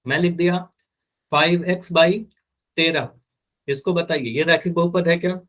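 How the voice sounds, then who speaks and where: A man teaching a live math class, his voice sitting a little high for a man. He keeps repeating each question and then speaks the students' expected answers himself. The manner is patient and drilling. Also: steady tone, normal speed, fairly bright tone.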